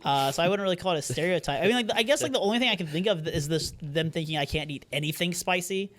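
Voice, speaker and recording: A man's voice: high-pitched, quick pace, fairly bright tone. A man from Alabama with a Southern accent, co-hosting a casual podcast chat in an easygoing, hesitant way full of fillers. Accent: Alabama Southern American. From Alabama, USA. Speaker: podcast co-host.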